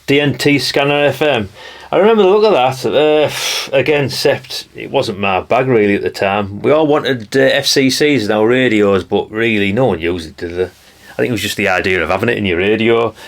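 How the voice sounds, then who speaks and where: A middle-aged hobbyist video presenter with a North East English accent and a fairly low voice gives a casual show-and-tell. He rambles along chattily, nostalgic and down-to-earth.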